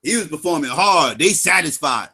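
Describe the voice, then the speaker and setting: A man's voice: a little high, expressive, moderate pace, bright, forceful tone, husky. A man giving angry, profane, sarcastic commentary on a livestream.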